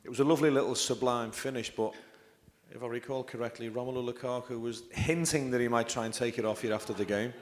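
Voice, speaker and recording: A man's voice: mid-range voice, fairly even intonation, quick pace, in a large hall. A man presenting a studio show, asking polished, leading questions.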